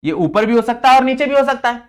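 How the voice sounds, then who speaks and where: With a very high, smooth, expressive voice, a young Indian tutor teaches physics in a mix of Hindi and English terms. He reiterates each point and questions his students, slowing sharply when he reaches English formula lines.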